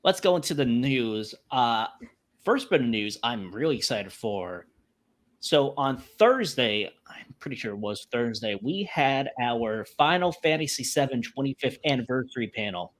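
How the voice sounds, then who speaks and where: A man hosting a relaxed podcast chat. His voice is mid-pitched and swings up and down with lots of animation, and he keeps the talk light and jokey. It is an easygoing, conversational delivery. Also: moderate pace. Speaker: podcast host.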